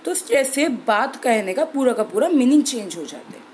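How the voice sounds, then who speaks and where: A young woman with a fairly high voice teaches an exam-prep lesson in a clear, steady way. She slows down to stress each key term. A faint hiss sits under the recording. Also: poor audio. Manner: clear, steady explaining with slowed emphasis on key terms. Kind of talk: explanatory lesson in Hindi with English terms.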